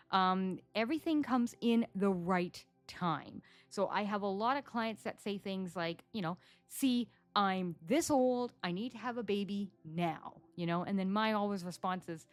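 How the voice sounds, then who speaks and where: A woman's voice: mid-range voice, moderate pace, dry recording. Chatty woman psychic podcast host. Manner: chatty, animated storytelling, acts out quoted clients. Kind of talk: casual solo podcast talk. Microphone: studio microphone.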